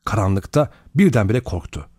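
A man narrating an audiobook dramatically, slowing and speeding for suspense. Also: fairly low pitch, no echo, clean studio sound. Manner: expressive, varies pace for suspense.

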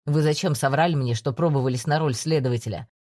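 In an audiobook reading, a woman voices a calm male police investigator. She speaks fast, yet keeps him low, steady and coaxing.

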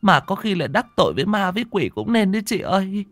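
A man voicing a middle-aged woman who gently comforts her grieving sister. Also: high voice, sing-song, quick pace, dry recording, voice pushed up, full character voice. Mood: soothing. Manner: soothing, coaxing.

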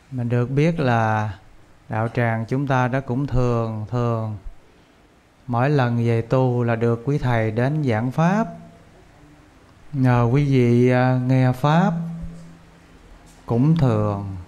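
A Buddhist monk speaking slowly and gently to a lay congregation in a temple, pausing often as he talks. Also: medium pitch. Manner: slow, gentle, with frequent hesitations. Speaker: Buddhist monk giving a Dharma talk. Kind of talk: Dharma talk to a lay congregation.

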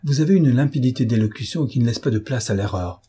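A man's voice: medium pitch, lively intonation, fast, mellow, husky. A man reading a dry, ironic young captain.

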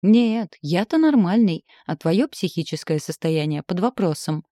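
A woman's voice: low-pitched, fairly quick, no echo, clean studio sound. A woman reading a novel aloud and voicing a cold, threatening man who holds the heroine captive. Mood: cold menace. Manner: calm, sneering and threatening. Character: cold, menacing man, the captor's brother.

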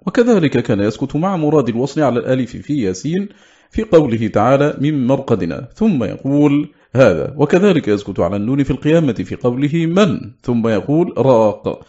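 A man reads a classical scholarly text aloud in a measured, formal manner, his voice sitting at an ordinary middle pitch. The recording sounds somewhat dull and lo-fi, like a home-made audiobook. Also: warm tone. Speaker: audiobook reader. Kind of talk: reading a classical Quranic recitation text.

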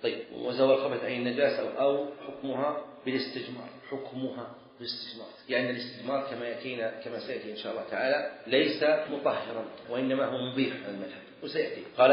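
A man teaching a classroom lesson on Islamic law, repeating key phrases and putting questions to his students. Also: medium pitch. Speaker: religious teacher. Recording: very echoey room, dull lo-fi sound.

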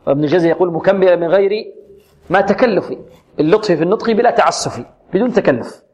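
A man teaching Quran recitation, modelling letters and syllables slowly and repeating them, and posing questions to his students. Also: high-pitched, expressive, darkish tone. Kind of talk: tajweed lesson with recited examples. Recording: muffled lo-fi recording.

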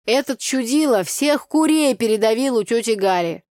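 A woman's voice: fairly high pitch, animated, moderate pace, no echo, studio quality, voice pushed up, close to an everyday voice. A woman voicing a brash, chatty village girl who speaks in folk sayings. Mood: boisterous. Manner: brash, loud, chattering in proverbs.

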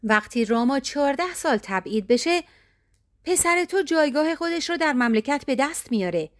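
A woman's voice: animated, dry recording, clean studio sound. A woman voicing a wicked scheming maidservant who urges her queen on in a raised, insistent voice. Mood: urgent scheming. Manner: urgent, insistent, raised pitch. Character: scheming spiteful maidservant woman, whispering poison.

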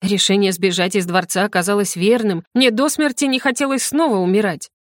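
A woman reading first-person audiobook narration in an even, measured way. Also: mid-range voice, no room sound, studio quality. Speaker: audiobook reader.

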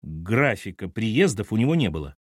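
A man voicing a sharp, businesslike middle-aged woman who answers curtly in an audiobook. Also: on the low side, big pitch swings, moderate pace, husky, dry recording, studio quality. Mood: clipped, defensive. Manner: curt and clipped.

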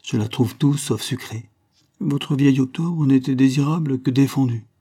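A man's voice: mid-range voice, moderate pace, dark tone, husky, voice pushed up. A man voicing a playful, spoiled young countess with a teasing, imperious manner. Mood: haughty.

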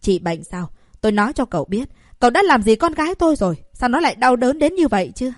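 A woman voicing an angry, protective royal father who shouts at a doctor treating his daughter. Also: mid-range voice, expressive, fairly quick, no room sound, clean studio sound, lightly acted. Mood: furious. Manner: shouting, indignant and urgent.

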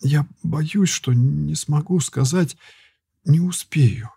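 A man's voice: fairly high pitch, normal speed, dark tone, slightly rough, dry recording, clean studio sound. A man reading an audiobook voices a frightened young girl in love, pleading with a trembling, urgent voice.

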